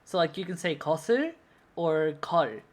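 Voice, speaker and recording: Talking fast with lively intonation at a medium pitch, a young adult US streamer rambles through a casual livestream chat at a desk mic. Fillers are frequent and laughter comes easily.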